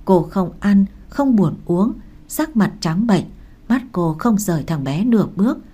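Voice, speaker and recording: A woman narrating a novel in a calm, measured storytelling manner. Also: medium pitch, husky. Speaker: audiobook narrator.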